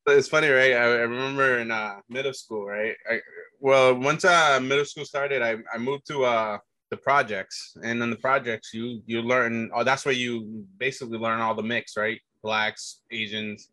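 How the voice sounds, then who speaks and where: Rambling through his life story as a guest in a laid-back conversation, a man keeps restarting, leans on fillers, and says "dude." His mid-range voice is fairly even at a normal pace, bright and forceful in tone. The audio is poor, though without echo.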